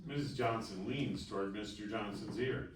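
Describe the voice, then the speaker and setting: A man reads the stage directions as scripted narration, his lowish voice moving at normal speed. It's a festival screenplay table read in a room, recorded from a distance with echo and faint noise.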